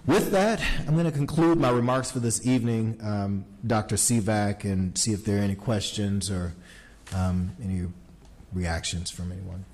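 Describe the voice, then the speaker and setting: A man giving a formal report as school superintendent at a board meeting, speaking in a measured way with many fillers and restarts, into a desk microphone in a boardroom. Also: lowish voice, fairly even intonation, a little mellow.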